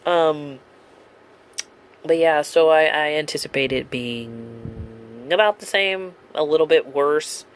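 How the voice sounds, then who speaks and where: A vlogger with a slightly high voice talks slowly to the camera at home with his cat, over a little hiss or hum. He rambles with lots of ums, jokes candidly, swears casually, and laughs at himself.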